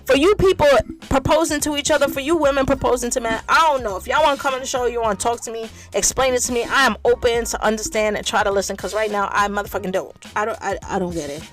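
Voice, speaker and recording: A woman with a fairly high voice holds forth alone on her podcast in a loose, unscripted rant. She is blunt and profane, hammering her points by saying them again and again. Soft music plays faintly underneath. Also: fast talker, hardly any pauses. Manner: blunt, profane, emphatic, repeats points for effect. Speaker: podcast host. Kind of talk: casual monologue rant.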